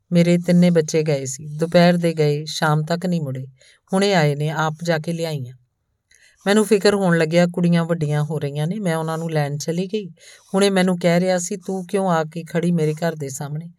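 A woman narrating a story in a calm, even storytelling manner, reading both the man telling it and the woman he meets. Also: lowish voice, no room sound, clean studio sound. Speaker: audiobook narrator.

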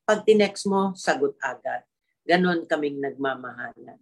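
A middle-aged actress chatting casually as a guest, telling animated stories and laughing often, slipping English into her talk. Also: low-pitched, measured pace. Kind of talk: casual chat in an online interview.

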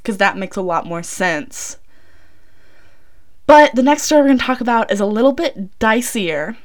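A woman's voice: a little high, expressive, normal speed. A young woman recorded inside a closet, telling true crime stories casually as a podcast host, informal and often tripping over and correcting her words. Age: young adult.

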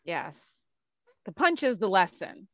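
A woman's voice: medium pitch, sing-song, slow, a bit bright, no room sound, studio quality. A woman hosting a podcast in casual chat, playful and joking, laughing often. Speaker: podcast host.

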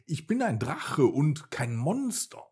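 A man voicing a gentle, good-hearted male dragon who exclaims loudly and talks kindly, in a children's bedtime story. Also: lowish voice, animated, a little slow, husky. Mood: exasperated.

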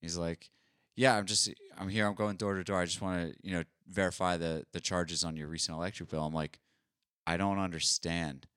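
A young man with a low, deep voice tells stories in a relaxed, chatty podcast style. He slips into other people's voices as he retells each scene. The sound is dry and close, with no room around it. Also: fairly quick, clean tone, no echo. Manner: animated storyteller, acts out quoted dialogue. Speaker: podcast co-host. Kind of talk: casual chat.

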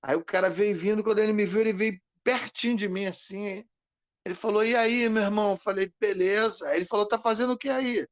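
A man co-hosting a podcast, telling an animated story in casual chat and acting out the lines of the people in it. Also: high-pitched, brisk, no echo. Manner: animated, acts out quoted lines. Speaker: podcast co-host.

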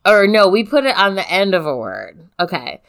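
A woman's voice: mid-range voice, big pitch swings, normal speed, creaky. A woman co-hosting a casual podcast chat, talking in a loose, filler-heavy way and giggling often. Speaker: podcast co-host.

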